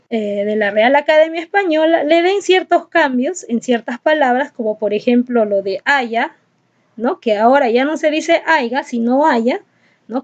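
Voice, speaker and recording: A high-pitched woman teaches a class. She explains step by step, posing questions and answering them herself. The recording sounds dull and lo-fi. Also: darkish tone. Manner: explanatory, asks and answers her own questions.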